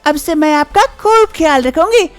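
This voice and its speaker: A woman voicing a devoted, caring young wife in an animated story, earnest and reassuring. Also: very high voice, normal speed, faint music behind.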